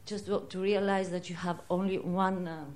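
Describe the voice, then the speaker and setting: Woman in the audience, halting spontaneous comment, faint background noise. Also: on the low side, little pitch movement, a little mellow. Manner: hesitant, searching for words. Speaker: audience member.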